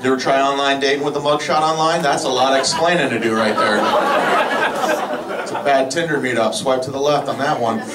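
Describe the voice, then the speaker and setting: A man doing a stand-up comedy set, telling self-mocking stories in a deadpan way and slipping into quick quoted voices. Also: medium pitch, heavy background noise. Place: comedy club stage with live audience. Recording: roomy club recording, far mic, loud crowd laughter.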